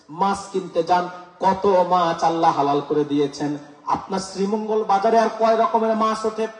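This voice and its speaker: A man's voice: high voice, fairly bright tone. A man with a Cumilla Bengali accent, a preacher giving a playful sermon to a gathering and often calling on the crowd to answer. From Cumilla, Bangladesh. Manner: playful, keeps quizzing the crowd for replies. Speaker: Islamic preacher. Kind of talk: humorous sermon at a religious gathering. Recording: echoey hall, preacher far from the mic.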